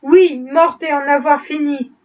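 A woman voicing a bitter, gruff old woman who talks in a surly, grumbling way. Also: fairly even intonation, unhurried. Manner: surly, grumbling, low muttering. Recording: dull, distant-sounding audiobook recording.

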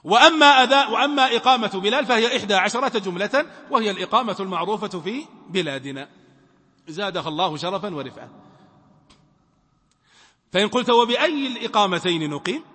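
High bright-voiced sheikh teaching. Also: male voice, lively intonation, fast, long pauses, breathy edge. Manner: emphatic, poses questions to students and answers them. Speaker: sheikh teaching Islamic law. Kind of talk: religious lesson. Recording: long reverb from a hall.

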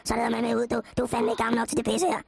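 A woman performing in a comedy sketch, ranting crude threats in a rough, foul-mouthed way. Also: a little high, steady tone, darkish tone, no room sound, studio quality. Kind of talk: prank phone-line comedy sketch.

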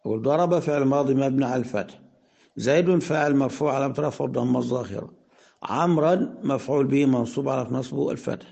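A man with an Egyptian accent teaching Arabic grammar. He asks questions, answers them himself, and slows down to spell out example sentences. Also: mid-range voice, vocal fry, warm tone. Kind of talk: explanatory lesson.

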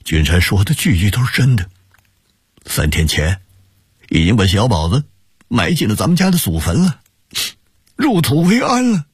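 Halting husky grieving brother, voice swings a lot, man playing him. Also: low voice, wildly swooping pitch, no echo, studio quality, full character voice. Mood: choked. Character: grieving middle-aged brother, tearful and gentle.

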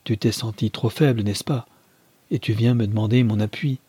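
A man puts on a domineering middle-aged mother from a storybook, lifting his dark, husky voice a little higher as she lectures in a string of emphatic rhetorical questions. The sound is close and dry. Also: fairly even intonation, moderate pace, no room sound. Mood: indignant.

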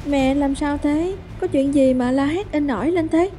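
A woman's voice: moderate pace, dark tone, soft background music, close to an everyday voice. A woman doing a terrified young village girl. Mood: alarmed. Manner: stammering, high and fearful.

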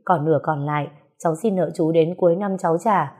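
A woman's voice: deep voice, brisk, breathy edge. Woman playing a timid, hesitant young woman. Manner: hesitant, soft, stammering.

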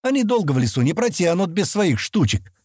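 A man's voice: high voice, big pitch swings, a little fast, a little mellow, slightly rough, no echo, clean studio sound, voice pushed up, exaggerated voice. A man reading an audiobook, voicing an impatient young man who grumbles and scolds his companions. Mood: grumbling. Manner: grumbling, exasperated.

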